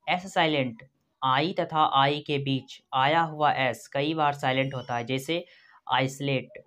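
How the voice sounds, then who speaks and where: A man's voice: medium pitch, a bit bright. A male teacher giving a recorded lecture, methodically spelling words out letter by letter and repeating each rule. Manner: methodical, explanatory.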